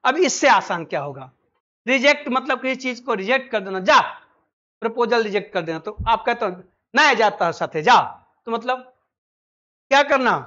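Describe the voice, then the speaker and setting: A male teacher explaining vocabulary for an exam, mixing Hindi with slow English phrases and firing quick questions at his students. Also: very high voice, animated, bright, forceful tone, highs cut off. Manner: quizzes listeners with quick rhetorical questions.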